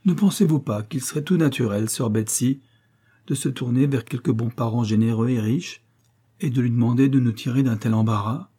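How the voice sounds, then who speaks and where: A man's voice: medium pitch, steady tone, a little fast, dark tone, natural voice. A man reading aloud, voicing a wheedling, insistent middle-aged matron who begs for money. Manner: pleading, insistent, dramatic.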